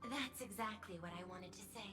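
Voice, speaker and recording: A woman's voice: mid-range voice, a little fast, over music, close to an everyday voice. An actress voicing a poised, calculating woman CEO in a video game, formal and faintly menacing.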